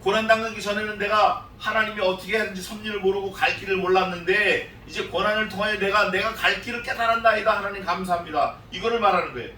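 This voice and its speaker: A man preaching with forceful, repeated phrases in a high, bright voice. He sounds far from the mic, and his voice echoes around a church sanctuary. A faint hiss sits underneath. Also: fairly even intonation, quick pace, few pauses. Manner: emphatic, repetitive preaching with dramatized quotes. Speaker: pastor. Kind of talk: expository sermon.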